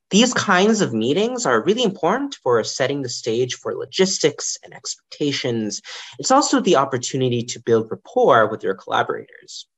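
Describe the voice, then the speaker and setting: Young man with a lively, varied delivery. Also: medium pitch, slightly rough. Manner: lively, varied intonation, occasional ums. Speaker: librarian giving a conference talk. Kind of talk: prepared lightning talk presentation.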